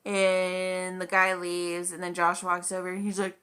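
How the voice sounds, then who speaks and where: Slow, bright-voiced woman telling a story. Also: on the low side, completely flat delivery, smooth. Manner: chatty, full of "like", acts out quoted dialogue. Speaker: vlogger. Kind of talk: casual storytime.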